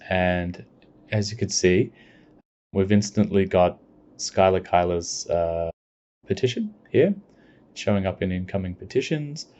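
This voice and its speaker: A man with a deep voice demonstrates software in a screencast product walkthrough, explaining each step plainly and without hurry. The recording sounds dull and lo-fi.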